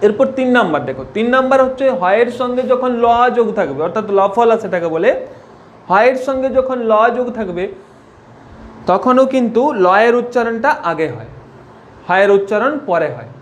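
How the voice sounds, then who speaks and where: This spelling and pronunciation lesson comes from a man whose animated voice sits high and moves a little fast. He goes over each point repeatedly and answers his own questions.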